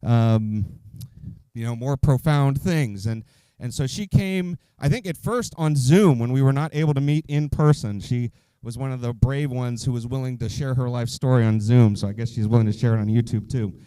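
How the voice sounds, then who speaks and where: A man's voice: mid-range voice, moderate pace, dark tone, clear, resonant tone. A middle-aged man, a deacon, casually hosting a live-streamed panel discussion, talking conversationally with frequent ums and restarts.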